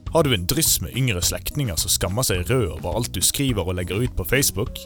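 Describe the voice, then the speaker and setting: A man reading a spoof commercial in a quick, salesy announcer style over background music. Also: on the low side, animated, lightly acted.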